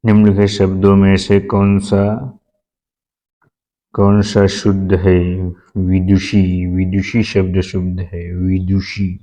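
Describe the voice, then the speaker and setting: A man teaching an exam practice lesson, reading questions and repeating the right answers slowly. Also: low-pitched, completely flat delivery, warm tone, poor audio. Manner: slow, repeats answers aloud.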